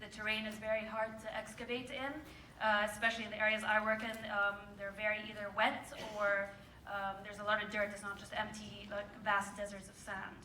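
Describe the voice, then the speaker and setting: A woman's voice: medium pitch, flat delivery, fairly quick, bright, forceful tone, recorded from a distance, slight background noise. A young woman from Egypt giving a casual, self-deprecating conference talk about her fieldwork, full of ums, a little jet lagged. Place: large conference hall. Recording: echoey hall, voice off-mic.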